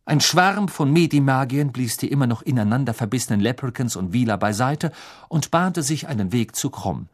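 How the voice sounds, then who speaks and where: Male audiobook narrator, animated, lively pitch, expressive telling. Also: moderate pace. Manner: expressive storytelling. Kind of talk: scripted narration.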